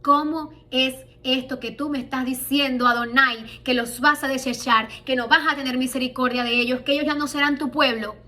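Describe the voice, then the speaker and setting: A woman's voice: high-pitched, fairly even intonation, normal speed, few pauses, sharp tone. A woman preaching a sermon, asking rhetorical questions and reading scripture with emphasis.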